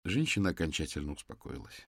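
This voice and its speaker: A man narrating an audiobook in a calm, measured reading voice. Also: rumbling low, slightly rough, dry recording, clean studio sound. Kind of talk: scripted narration.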